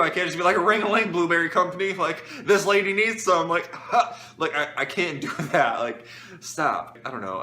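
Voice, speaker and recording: Animated ranting young man, bright voice. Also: mid-range voice, reverberant, a little hiss or hum. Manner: animated, ranting, lots of fillers. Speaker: vlogger. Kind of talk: ranting vlog.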